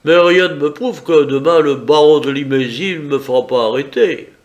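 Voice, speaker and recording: A man's voice: fairly high pitch, moderate pace, lo-fi sound, natural voice. A man voicing a suspicious, grumbling male bandit. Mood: wary. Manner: distrustful, grumbling.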